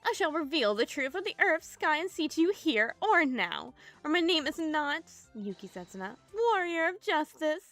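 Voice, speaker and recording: High loud heroic idol girl shouting about justice, a streamer doing the voice, faint music behind. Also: very animated, normal speed, few pauses, exaggerated voice. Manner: grandiose, declamatory.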